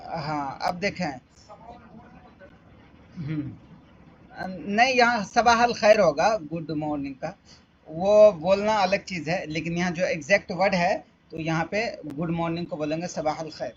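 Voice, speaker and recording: A man teaches Arabic, walking through exam questions step by step and repeating each one aloud. His voice sits high for a man, and the audio is dull and lo-fi with a faint hiss underneath. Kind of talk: exam-paper walkthrough lesson.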